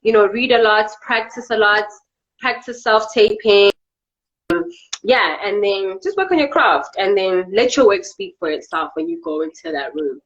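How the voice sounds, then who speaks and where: Heard on a muffled recording, a South African actress chats animatedly as an interview guest in a mid-range voice at a moderate pace. Her relaxed talk is loaded with filler, especially a recurring "you know."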